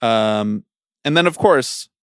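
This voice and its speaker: A man's voice: mid-range voice, slow, clean tone, dry recording, clean studio sound. A man co-hosting a podcast, chatting casually and ranting with teasing energy. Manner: animated, teasing, ranty. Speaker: podcast co-host.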